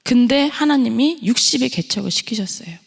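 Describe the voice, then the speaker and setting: A middle-aged woman with a fairly high voice preaches a testimony sermon. She tells her story to the congregation and poses rhetorical questions along the way. Her voice rings out with the long reverb of a church sanctuary. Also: lively intonation, a little fast, vocal fry, slightly rough.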